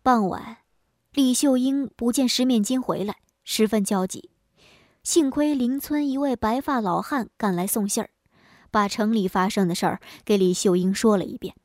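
A woman narrating a traditional folk story in a lively, expressive way. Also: fairly high pitch, moderate pace, dry recording, studio quality.

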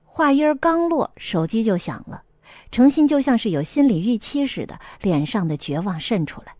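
A woman narrating a novel as a scripted audiobook, with lively storytelling and a light erhua. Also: on the high side, normal speed, no echo, studio quality.

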